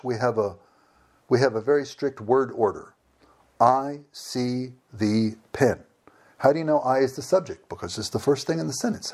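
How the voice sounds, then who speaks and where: A man's voice: mid-range voice, breathy edge. A man casually telling a funny anecdote, acting out both sides of a conversation and laughing along. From United States. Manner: animated, acts out dialogue with laughs. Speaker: storyteller.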